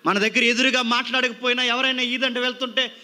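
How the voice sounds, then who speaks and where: A male preacher delivers a youth sermon in a strikingly high, sharp, cutting voice. He scolds his listeners and fires off one rhetorical question after another. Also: level tone, fast talker.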